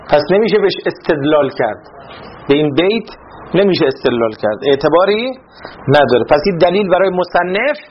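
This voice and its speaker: A man teaching a classroom lesson on grammar, explaining step by step and often checking that his students follow. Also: high-pitched. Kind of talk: classroom lecture. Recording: dull lo-fi recording with faint noise.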